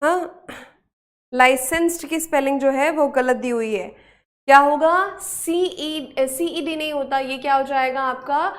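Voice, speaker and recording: This high-pitched female teacher with an Indian accent quizzes students on spelling during a live online class. Brisk and full of praise, she keeps urging them to hurry up.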